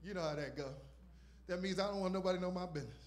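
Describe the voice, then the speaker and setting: A man with a strikingly high voice preaching a sermon from a church stage, holding a microphone in his hand. He swings from loud, shouted declarations down to hushed, almost whispered asides. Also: racing. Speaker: visiting pastor. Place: church stage with purple lights. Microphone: handheld microphone.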